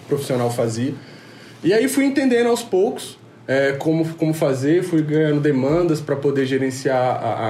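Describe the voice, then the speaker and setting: A man in his twenties from Rio de Janeiro, a podcast guest telling his story in relaxed, slangy casual chat. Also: on the high side. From Rio de Janeiro, Brazil. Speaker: podcast guest, music producer. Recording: roomy, faint background noise.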